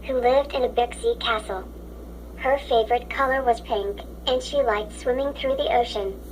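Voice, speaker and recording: A woman's voice: on the high side, slight background noise, low-quality recording. A synthetic woman's voice with a robotic text-to-speech sound, reading children's stories aloud in a stiff, mechanical way. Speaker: story app narrator.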